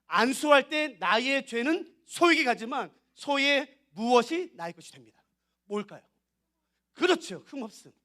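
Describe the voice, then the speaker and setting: A male pastor delivers a revival sermon in a church sanctuary with a high, bright and forceful voice. He speaks emphatically and straight to the congregation, slipping into short acted-out exchanges to drive his points home. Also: big pitch swings, a little slow. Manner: emphatic, acts out dialogues, addresses congregation directly.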